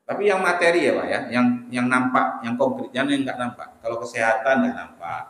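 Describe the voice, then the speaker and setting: A man's voice: mid-range voice, expressive, fairly quick, a bit bright. A man preaching a sermon in a mosque, talking conversationally and putting questions straight to the congregation. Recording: very echoey mosque hall.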